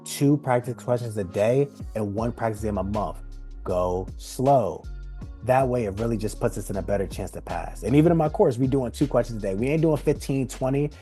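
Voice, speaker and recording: A man leads an online study group in an easygoing, slangy way, circling back to the same key advice. His voice is mellow and dark. Soft music plays faintly underneath. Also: medium pitch. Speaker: exam prep tutor hosting a study group. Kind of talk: casual encouraging wrap-up talk.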